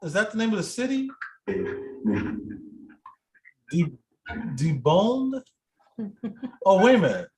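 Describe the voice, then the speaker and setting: A man's voice: high-pitched, wildly swooping pitch, slow pace, pauses often, darkish tone. An American man chatting casually on a live stream in a folksy, colloquial way. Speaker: co-host of a live spirit box session. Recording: echoey room sound.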